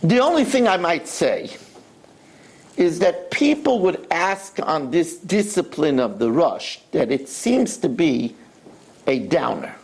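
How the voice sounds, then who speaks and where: Gravelly, animated older male rabbi. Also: fairly high pitch, slow pace. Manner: animated storyteller who acts out voices. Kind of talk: sermon.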